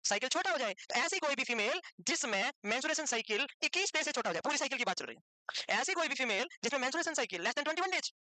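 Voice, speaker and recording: A woman's voice: high voice, very animated, quick pace, pushed and bright, no room sound. A woman teaching a medical class, firing questions at her students over and over and mixing in English medical terms. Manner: quizzes the class with repeated questions; switches between Hindi and English medical terms. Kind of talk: classroom lecture.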